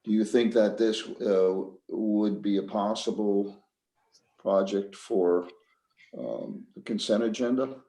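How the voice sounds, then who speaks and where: A man runs a public meeting in a businesslike, procedural manner. His voice is soft-edged and mellow, sitting a little low. The sound is echoey, as in a reverberant room. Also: fairly even intonation, takes it slowly. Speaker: planning board chair. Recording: roomy, echoey meeting audio.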